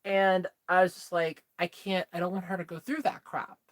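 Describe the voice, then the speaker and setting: This thirties-aged woman has a lowish, level voice and speaks at a normal speed. She talks openly with her livestream viewers, rambling through a personal story with plenty of fillers.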